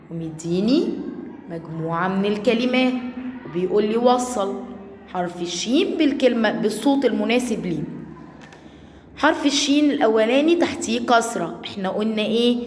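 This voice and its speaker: An Egyptian woman teaching a first-grade phonics lesson, drawing out sounded words slowly and loudly and praising the class. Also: medium pitch, expressive, roomy sound, big-room sound, slight background noise. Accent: Egyptian Arabic. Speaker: primary school teacher.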